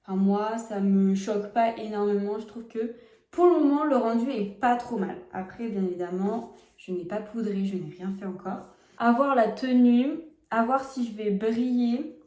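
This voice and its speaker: At home with her phone camera rolling, a young beauty vlogger tries out makeup and talks to her viewers in a frank, chatty way as she applies it. Her voice sits a little high, with a mellow quality and normal pace, in an echoey room.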